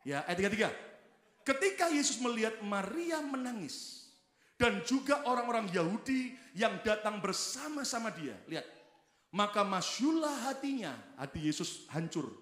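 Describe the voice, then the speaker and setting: A male pastor preaching a sermon in a church hall, animated and exclaiming, leading the congregation to repeat lines after him. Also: high-pitched, normal speed. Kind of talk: sermon with call-and-response.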